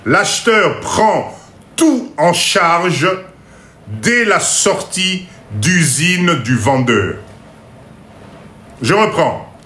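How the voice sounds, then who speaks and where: A man giving a live class on import-export, going slowly, repeating each point, checking that everyone follows, and joking about his own English. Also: a little high, big pitch swings, bright, forceful tone, reverberant. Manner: mixes in Lingala phrases and jokes about his English. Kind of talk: live online lesson.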